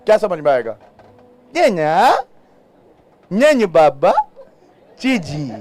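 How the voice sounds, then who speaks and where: A male pastor preaching a sermon in a church, asking the congregation questions and mixing in English phrases. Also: very high voice. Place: church hall.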